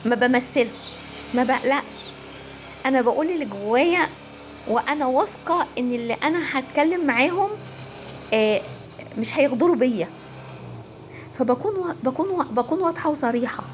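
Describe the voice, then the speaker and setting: Egyptian woman, counselor, high voice, conversational, faint room noise. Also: brisk, pauses often. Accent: Egyptian Arabic. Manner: animated, conversational, acts out quoted voices. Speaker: family counselor. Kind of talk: casual lecture to viewers.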